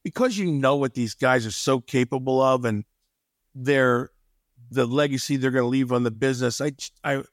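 A man's voice: medium pitch, moderate pace, no echo, clean studio sound. A man co-hosting a wrestling podcast in casual chat, rambling and telling folksy stories. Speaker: podcast co-host, former wrestling trainer.

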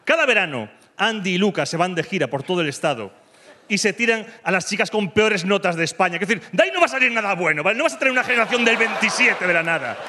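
A man with a Spanish accent from Spain doing stand-up comedy, delivering provocative dark humor that swings from mock calm to loud. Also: high voice, quick pace, slight background noise.

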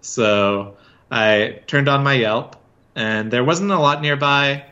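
A man's voice: medium pitch, takes it slowly, highs cut off. Man telling a story on a podcast. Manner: storytelling, relaxed with many fillers. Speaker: podcast guest. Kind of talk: casual podcast chat.

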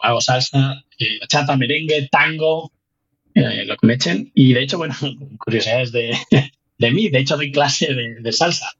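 A man's voice: mid-range voice, moderate pace, a bit bright, breathy edge, lo-fi sound. A man from Spain with a Spanish accent, a guest chatting animatedly in an interview, laughing often and restarting his sentences. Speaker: guest researcher. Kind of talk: casual interview chat.

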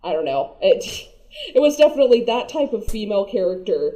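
A woman in a casual podcast chat over a call, animated, laughing often and restarting her sentences. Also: medium pitch, a little fast, dull audio. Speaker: podcast co-host. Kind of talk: casual chat reviewing an anime.

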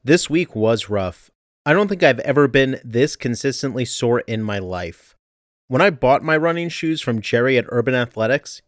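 A man's voice: medium pitch, dry recording. Man talking under a blanket, dry. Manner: chatty, self-deprecating. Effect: recorded under a blanket, muffled and dry. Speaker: podcast host. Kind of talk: casual solo podcast update. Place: under a blanket at home during a heat wave.

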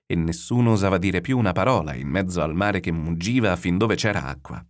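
A man with a low voice reads a classic novel aloud as narrator. His delivery is steady and descriptive, a literary audiobook narration. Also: brisk.

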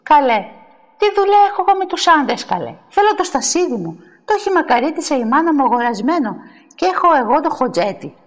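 A woman's voice: high-pitched, lively intonation. A woman voicing a quarrelsome older woman who scolds and complains indignantly over a church pew. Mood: shrill. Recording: long hall reverb.

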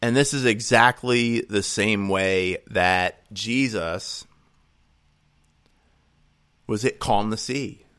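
A young man preaching a sermon, reading scripture aloud and telling his own story in an earnest way, rising loud on key points and dropping low and slow.

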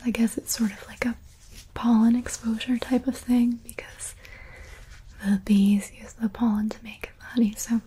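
Whispering woman, breathy and mellow. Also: fairly high pitch. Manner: soft reassuring whisper. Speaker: ASMR roleplayer as paramedic. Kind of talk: whispered ASMR medical roleplay.

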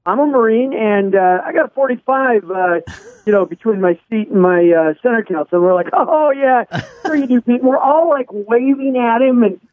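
A man hosting a radio show, telling stories in a relaxed, casual way. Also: extremely high pitch, moderate pace, no room sound. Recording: phone-like radio sound.

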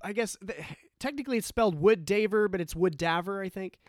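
A man's voice: high-pitched, brisk, no echo, studio quality. A man co-hosting a podcast in casual chat, explaining things and thinking aloud with restarts. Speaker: podcast co-host.

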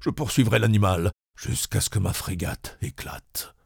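A man's voice: fairly low pitch, normal speed, vocal fry, breathy edge, dry recording, studio quality, full character voice. A man reading an audiobook, voicing a stern, driven frigate commander who barks orders. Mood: grim. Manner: barking orders.

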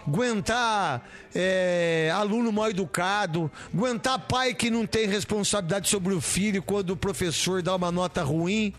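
Male Brazilian chat host, high voice, casual and opinionated, blunt ranting delivery with repeated phrases. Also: normal speed, few pauses, fairly bright tone.

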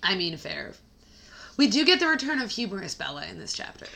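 A woman podcast co-host with a hoarse, scratchy smoker's rasp, chatting casually and wryly about a book. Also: mid-range voice, sing-song, a little fast, pushed and bright. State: hoarse after flu.

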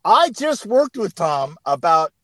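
A man's voice: high-pitched, sing-song, takes it slowly, bright, forceful tone, no room sound. A man telling rambling behind-the-scenes stories as an interview guest, with many restarts and bursts of laughter. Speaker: production designer guest. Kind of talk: casual interview chat.

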